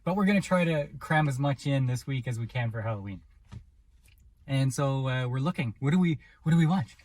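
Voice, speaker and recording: A man's voice: mid-range voice, animated, a little fast, darkish tone. A man co-hosting a casual movie review chat, telling the story in a loose, rambling way. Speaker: podcast co-host.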